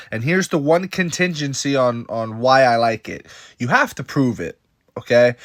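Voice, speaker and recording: Man, mid-pitched, casual opinionated vlog commentary, animated and repetitive, dry close-mic sound. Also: no echo. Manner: animated, opinionated, repeats points. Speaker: MMA commentator.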